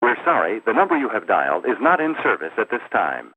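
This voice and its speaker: A man's voice: lowish voice, very animated, a little fast, breathy edge. A man's voice in a formal recorded phone message announcing a disconnected number. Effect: recorded phone operator message. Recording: tinny phone line.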